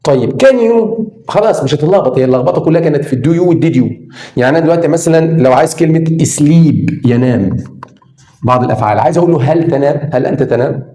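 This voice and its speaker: A man with an Egyptian Arabic accent gives a spoken English grammar lesson in a fairly high, mellow voice. He teaches with lively emphasis and stretches words to make a point. The sound is echoey, as if from a roomy space. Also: rapid-fire. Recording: echoey room.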